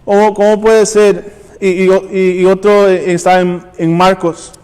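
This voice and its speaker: A man's voice: sits high, level tone, a little slow, darkish tone, smooth, in a large hall. A man preaching and reading scripture aloud, often stumbling and restarting words. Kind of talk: sermon with Bible reading. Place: church.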